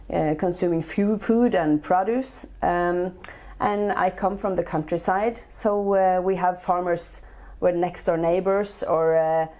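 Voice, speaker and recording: Speaking English with a Norwegian accent, this forty-something chef and entrepreneur responds to interview questions in a warm voice on the low side. She's hesitant throughout, with frequent pauses and plenty of filler sounds.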